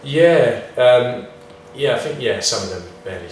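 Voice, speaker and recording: Here the football player's voice is medium-pitched and expressive, at a normal speed. Still, his casual interview answers come out hesitant and understated, with a self-deprecating streak. The sound is very echoey, taken from a distant mic, with faint noise.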